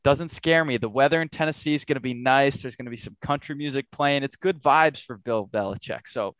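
A man's voice: mid-range voice, a bit bright, no room sound. A man hosting a casual sports podcast, talking through his predictions with confidence. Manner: confident, quick to make picks. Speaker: podcast host.

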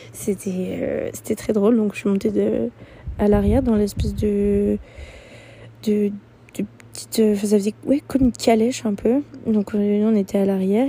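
A woman's voice: mid-range voice, creaky, mellow, slightly rough. A young woman vlogging from a hostel dorm, telling a travel story in a rambling way with many fillers and restarts. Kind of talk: casual storytelling.

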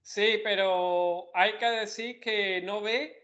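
High-voiced man, casual. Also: steady tone, slow pace, bright, forceful tone, muffled recording. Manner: short, casual interjections and remarks. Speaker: podcast co-host. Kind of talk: casual chat.

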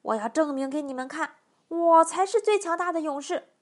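A woman's voice: high voice, moderate pace, darkish tone, natural voice. A woman reading a storybook voices a huge boastful male giant who bellows and later whimpers. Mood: bellowing.

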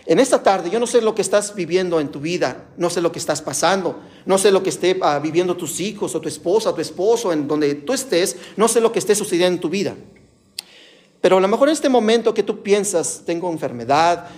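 A man preaching a sermon, emphatic, repeatedly addressing his listeners as brothers and swinging between loud and soft delivery. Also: on the high side.

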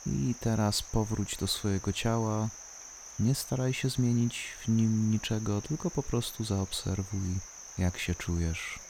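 A calm, soothing voice guiding a body-scan relaxation, unhurried and leaving long pauses between short instructions. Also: medium pitch, slight background noise. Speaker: guided relaxation narrator. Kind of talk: slow guided body-scan meditation.

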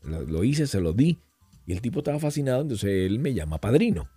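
Un hombre invitado a un pódcast, que cuenta historias de forma animada y coloquial, con muchas frases que se reinician. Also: male voice, medium pitch, fairly quick, breathy edge, no echo, soft background music. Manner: animated, rambling storyteller with frequent restarts; colloquial, addresses host as "hermano". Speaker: podcast guest. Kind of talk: casual storytelling chat.

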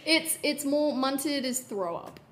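A young woman speaks as a podcast guest, her voice a little high. She teases her host and explains things with an easy, playful manner. The chat is casual. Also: expressive, slow, background noise. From Australia.

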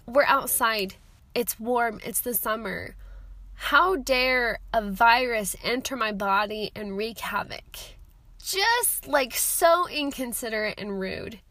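A woman's voice: a little high, sharp tone, no room sound. A young woman hosting her own self-help podcast, upbeat and chatty while talking through a summer cold. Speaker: podcast host.

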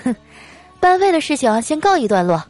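A woman doing a loud, scolding head teacher. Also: high-pitched, big pitch swings, a little fast, soft background music, pitched above the performer's own voice. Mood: stern. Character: stern schoolteacher, angry, scheming.

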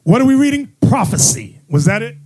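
A man acting as bishop and host, preaching in a fiery way, mocking and often shouting. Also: extremely high pitch, big pitch swings, brisk, husky.

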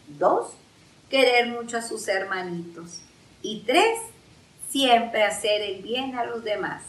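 High-voiced woman telling a children's story. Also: slow pace. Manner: lively, emphatic, repeats words for drama. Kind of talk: fairy tale told to children. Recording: echoey room, distant mic.

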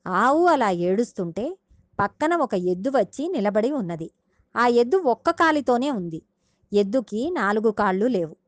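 Woman, devotional storytelling talk, earnest and explanatory, fairly high voice, dry close sound. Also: very animated, moderate pace, no room sound. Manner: earnest, explanatory, addresses listeners directly. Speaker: religious discourse speaker.

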